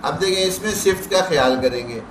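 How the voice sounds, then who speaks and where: Male tajweed teacher, slow syllable drills, faint hiss behind, distant mic. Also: sits high, expressive. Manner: drawn-out syllable drills between quick explanations. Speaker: Quran recitation teacher. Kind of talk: tajweed class lesson. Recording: echoey room, distant mic.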